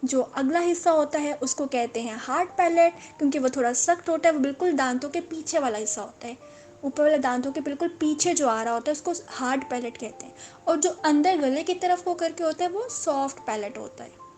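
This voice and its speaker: A woman teaching English vocabulary, saying each word slowly, repeating it and correcting common mispronunciations. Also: sits high, a little mellow, soft background music. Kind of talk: slow, repetitive vocabulary lesson.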